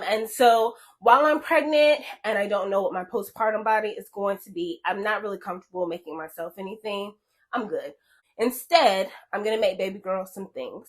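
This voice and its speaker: A woman chatting casually as a sewing vlogger, upbeat and friendly with her viewers, a bit out of breath and congested. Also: medium pitch. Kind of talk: casual chat to camera.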